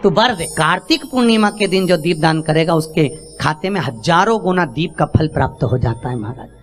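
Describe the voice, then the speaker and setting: A man's voice: a little high, expressive, moderate pace. A man giving a devotional sermon, emphatic, calling out questions to his listeners. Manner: emphatic, calls out to the audience. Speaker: preacher telling a scripture story.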